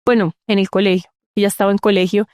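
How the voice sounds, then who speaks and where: Speaking fast with a mid-range, darkish voice and little pitch movement, a woman relates her own experiences as an interview guest. She is earnest and repeats words for emphasis. The sound is clean studio quality without echo.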